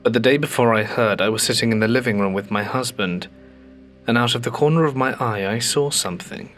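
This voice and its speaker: A man who runs a ghost story channel reads listener-submitted tales aloud, calm and measured, slowing down for dramatic pauses. His pitch is medium, and faint music plays behind him.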